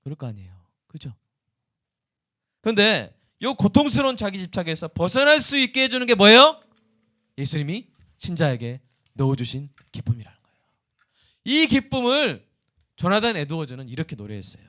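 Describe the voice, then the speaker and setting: A male pastor preaching a sermon in an animated way, often asking the congregation questions. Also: high-pitched, moderate pace, pauses often.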